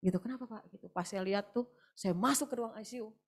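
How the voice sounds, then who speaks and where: A middle-aged woman giving an emotional testimony during a church service, her voice rising to loud, emphatic prayer. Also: mid-range voice, fast, husky.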